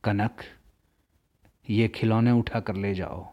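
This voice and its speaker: A man voicing a poor, gentle old toymaker who speaks quietly and sadly in a storybook reading. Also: mid-range voice, expressive, muffled recording, voice pushed down, natural voice. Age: older. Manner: quiet, soft and slow.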